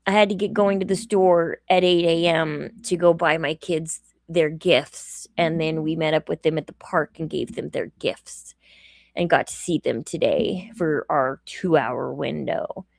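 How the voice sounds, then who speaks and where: A woman hosts her own livestream in a loose, rambling monologue, often stopping to correct herself. Her voice carries a gravelly fry and she sounds tired. She takes her time, and the sound is dry and close. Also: sits low, fairly even intonation, unhurried, no room sound. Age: adult. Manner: rambling, chatty, self-correcting. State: tired, yawning. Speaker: livestream host.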